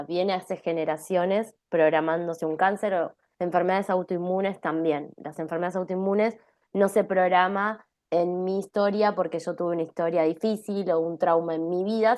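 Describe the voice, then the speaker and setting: Female podcast host, explanatory, thinks aloud, lowish voice. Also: darkish tone. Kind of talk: reflective podcast conversation.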